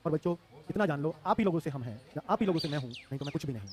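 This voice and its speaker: Man, hindi accent, online exam teacher, high voice, emphatic, drills words over and over. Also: expressive. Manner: fast, emphatic, repeats words to drill them. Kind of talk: live online class.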